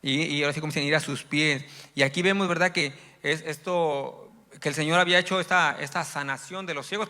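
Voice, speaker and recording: Brief: male preacher, fairly high, sharp bright voice, loose rambling delivery, long reverb of a church hall. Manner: rambling, frequent "¿verdad?" asides, rises to loud emphatic reading. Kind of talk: sermon.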